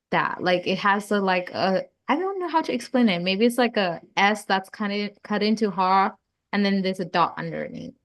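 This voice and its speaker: A woman explaining grammar to young children in a casual, chatty way, often saying "like" and restarting sentences. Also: mid-range voice. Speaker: teacher.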